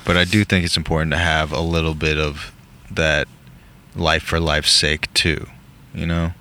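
A man with a very deep voice and a bright, forceful tone hosts a podcast from a parked car. He talks in a dry, reflective way and likes to tease his guest. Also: little pitch movement, moderate pace. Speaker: podcast host. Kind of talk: casual podcast chat.

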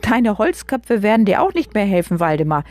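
A woman's voice: mid-range voice, big pitch swings, fairly quick, a little mellow, soft background music, pitched above the performer's own voice, natural voice. A woman voicing a cheeky, daring male chocolate Santa who taunts his enemy, read from a storybook. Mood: taunting. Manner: taunting, calling out boldly.

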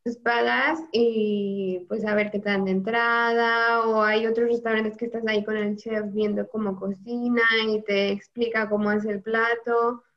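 A young woman chats casually in a highish voice, her sentences loose and trailing. The sound is a little dull and muffled. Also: flat delivery, unhurried, few pauses. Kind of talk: casual chat.

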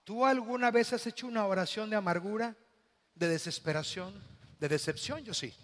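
A man with a Mexican accent preaching a sermon as pastor, swinging between loud, dramatic passages and hushed, quiet ones. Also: sits high, moderate pace, big-room sound. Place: church.

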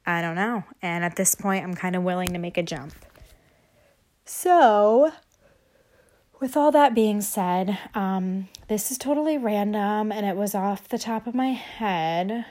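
A woman's voice: mid-range voice, a little slow, darkish tone. A young woman chatting casually on a solo podcast, rambling as she thinks aloud, with a stuffy nose and short of breath from a cold, breathing through her mouth. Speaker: podcast host.

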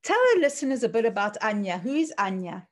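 A woman with a mid-pitched voice hosts a podcast interview. She speaks in a casual, conversational style. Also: expressive, fast talker.

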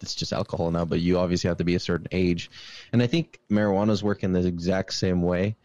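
A man's voice: low voice, fairly even intonation, fast talker, darkish tone, dry recording, highs cut off. A man hosting a casual podcast, giving his opinions and explaining them with examples, often saying "obviously". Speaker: podcast host. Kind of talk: casual chat.

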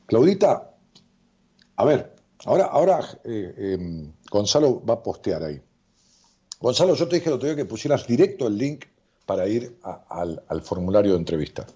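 Un psicólogo rioplatense que lee comentarios en vivo, con voz oscura y ronca y tono muy cambiante. Suena relajado y disperso, lleno de muletillas. La grabación es opaca y de baja fidelidad. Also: male voice, on the low side, normal speed, slightly rough. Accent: Rioplatense Spanish. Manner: animated, rambling, jokey, with many fillers. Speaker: psychologist hosting a live stream. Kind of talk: casual live-stream chat reading viewer comments. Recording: dull lo-fi stream audio.

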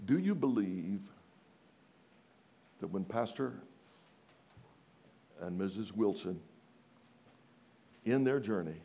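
A man from rural Louisiana with a Southern US accent, preaching a sermon in a folksy, emphatic way, putting questions to his listeners and moving between raised exclamations and hushed phrases. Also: fairly low pitch, expressive, slow pace, long pauses. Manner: folksy, rhetorical questions to the congregation.

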